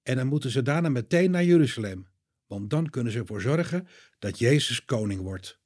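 A man reading a children's Bible story aloud with expressive narration. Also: mid-range voice, a little fast.

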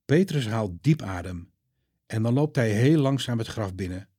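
A man reading a children's Bible story aloud with expressive, dramatic delivery. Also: on the low side, breathy edge, no echo, studio quality. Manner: lively, expressive, dramatic pauses.

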